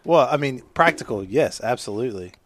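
A man with a mid-pitched voice who teases and jokes during a casual panel chat. He keeps a playful, upbeat tone. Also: expressive, a little fast, a little hiss or hum. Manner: playful, teasing. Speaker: product review show panelist.

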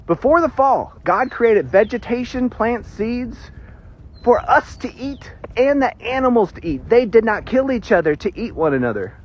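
A man preaching a casual sermon, teaching with joking asides and emphatic pauses. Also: very high-pitched, very animated. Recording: dull lo-fi sound.

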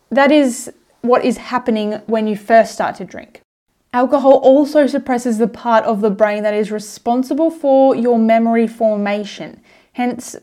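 A woman's voice: a little high, dark tone. A young adult woman, hosting a podcast and casually explaining health topics with chatty asides. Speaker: podcast host. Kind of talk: casual educational monologue.

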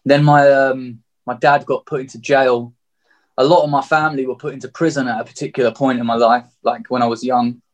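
In a medium-pitched voice with fairly even intonation, a thirty-year-old man from Margate, England, talks fairly quickly. He has a southeast English accent and tells his personal story openly and reflectively as an interview guest.

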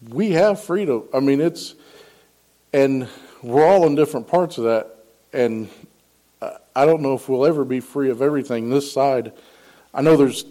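Man, casual devotional talk, earnest and rambling, mid-pitched voice. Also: dark tone. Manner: rambling and earnest, with frequent ums and restarts; acts out quoted dialogue in a raised voice. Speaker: lay speaker sharing a devotional. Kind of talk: casual personal testimony.

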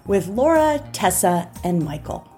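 A woman's voice: medium pitch, very animated, unhurried, warm tone, soft background music. A woman hosting a podcast, who welcomes her guest in an enthusiastic, chatty way. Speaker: podcast host. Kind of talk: casual interview talk.

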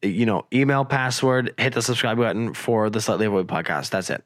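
A man's voice: on the low side, a little fast, no room sound, clean studio sound. A young man hosting a podcast with a cold, rambling and joking in casual chat and swearing a lot. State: has a cold, voice lower and rough. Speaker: podcast host.

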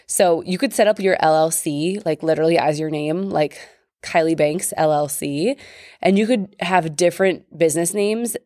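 A woman's voice: on the low side, a little mellow, dry recording, studio quality. Breathless, chatty woman podcast host. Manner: upbeat, chatty, frequent "like" and "uh". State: recovering from illness, short of breath. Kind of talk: solo podcast monologue. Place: at home.

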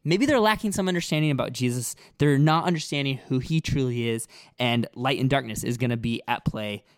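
A man's voice: mid-range voice, fairly quick, clear, resonant tone, no room sound. A man co-hosting a casual Bible discussion, explaining passages earnestly and often repeating words as he thinks. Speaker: Bible study podcast co-host.

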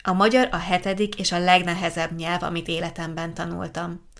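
Woman podcast host, kinda low voice, calm clear reading, easy chat. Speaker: podcast host for Hungarian learners. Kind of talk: casual podcast chat and reading a letter aloud.

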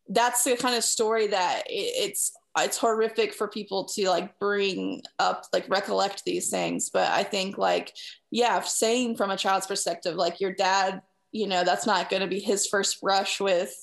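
A woman's voice: mid-range voice, steady tone, unhurried. Earnest woman in casual conversation. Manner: earnest, emphatic, wordy, uses "like" often. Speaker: interviewer leading the conversation.

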